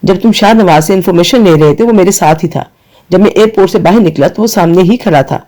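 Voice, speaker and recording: A man voicing an angry young friend who scolds loudly. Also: high voice, natural voice.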